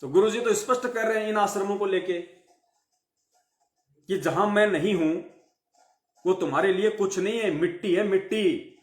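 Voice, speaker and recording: At normal speed with frequent pauses, a male live preacher with a faint tinge berates his audience in a fiery devotional sermon, full of rhetorical questions and emphatic repetition. His voice is high for a man, and there is a roomy echo.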